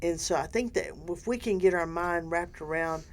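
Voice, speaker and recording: An older woman co-hosting a casual faith discussion, animated and rambling, often restarting her sentences. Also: fairly low pitch, normal speed. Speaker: podcast co-host.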